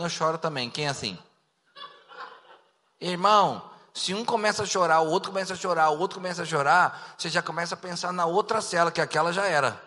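A man preaching as a pastor, humorous and animated, joking with his congregation during a sermon. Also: a little high. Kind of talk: sermon teaching to a church. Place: church hall. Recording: long reverb of a large hall.

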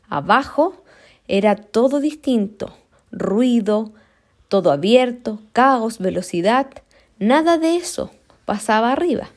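Expressive woman reading a storybook. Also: on the high side. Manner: expressive, slow and deliberate, with occasional restarts.

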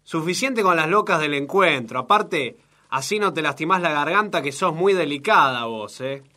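A man's voice: fairly high pitch, lively intonation, moderate pace, pushed and bright. A man with an Argentine Spanish accent playing a leering, sexist factory boss who talks down to a worker in a comic audio sketch. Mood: oily. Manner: patronizing, oily sweet-talk with veiled threats.

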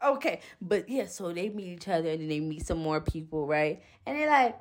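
A young woman vlogger retelling a story in a casual, animated way, full of swearing and laughing asides. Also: lowish voice, a little fast.

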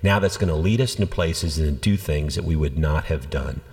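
A low-voiced man speaks as a pastor in an easygoing, conversational way. His voice sits well down in pitch, and a long reverb trails behind it. He tells things with an animated storyteller's energy. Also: moderate pace. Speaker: senior pastor. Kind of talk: conversational church podcast teaching.

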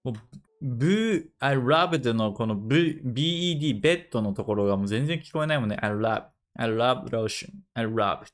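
A man hosting a casual dictation lesson. He thinks aloud and repeats English phrases slowly to check how they sound. His first language is Japanese. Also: medium pitch, expressive. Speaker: podcast host leading a dictation session.

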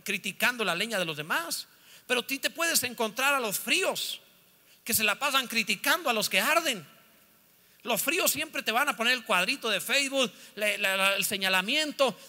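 High-voiced preaching man. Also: creaky. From northern Mexico. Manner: builds from chatty asides to loud, fervent preaching. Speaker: pastor. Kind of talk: sermon. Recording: long reverb of a church hall.

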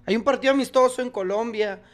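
A man with a Mexican accent in casual sports chat, animated and argumentative, full of slang. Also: extremely high pitch, quick pace.

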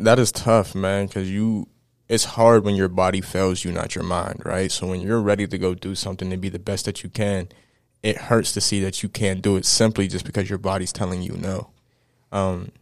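A young man in his twenties, a football player, answering interview questions in a relaxed, animated way and often tagging "right?". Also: low-pitched, vocal fry, no room sound, studio quality. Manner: animated storyteller, many "right?" tags.

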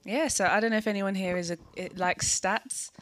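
A woman's voice: mid-range voice, steady tone, moderate pace, faint music behind. A woman with a south London accent giving an informal, chatty spoken presentation. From south London, England. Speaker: church team member co-presenting a talk.

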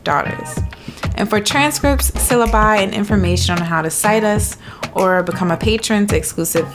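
A woman's voice: medium pitch, normal speed, music in the background. A woman co-hosting a podcast, addressing listeners in a conversational way. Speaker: podcast co-host.

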